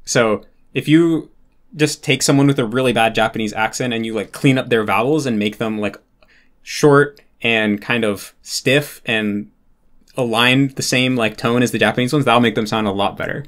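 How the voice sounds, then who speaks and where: A man's voice: mid-range voice, normal speed, a bit bright. A man talking casually as an interview guest, explaining ideas thoughtfully and filling gaps with "like". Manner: thoughtful, explanatory, many "like" fillers. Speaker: interview guest, Japanese learner.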